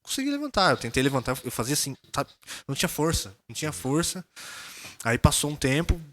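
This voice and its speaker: Fast-talking, bright-voiced Brazilian man. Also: on the high side. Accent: Brazilian Portuguese. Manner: animated, chatty storyteller. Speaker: podcast guest. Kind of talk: casual storytelling.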